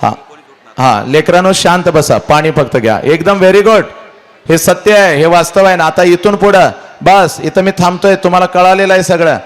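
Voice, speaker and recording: Dramatic male lecturer, fairly high voice. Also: moderate pace. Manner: dramatic, repeats phrases, addresses the listener directly. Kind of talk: emotional motivational lecture.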